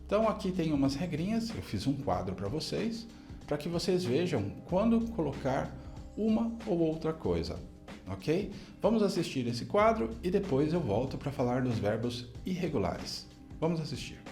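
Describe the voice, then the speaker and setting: A man from Brazil teaching an English lesson in a video, explaining grammar step by step and saying example sentences slowly. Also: on the high side, sing-song, darkish tone, faint music behind.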